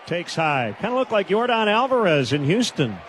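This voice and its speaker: A man calling radio baseball play-by-play, with brisk calls that climb into shouts on big hits. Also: sits high, sing-song, noisy background. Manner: brisk calls that rise into shouted home run calls. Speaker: play-by-play announcer.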